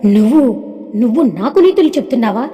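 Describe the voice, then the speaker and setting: A woman reading the part of a contemptuous young man, drunk and harsh, in a high, mellow voice. He sneers at his mother, and his lines ring with a long hall reverb in this audio storybook. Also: very animated, fairly quick. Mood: angry, sneering.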